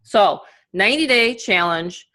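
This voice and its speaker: A woman with a New York accent coaching an online webinar in a casual, chatty, encouraging and energetic way. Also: mid-range voice, unhurried. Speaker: online marketing coach and host. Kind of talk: casual webinar training and motivational talk.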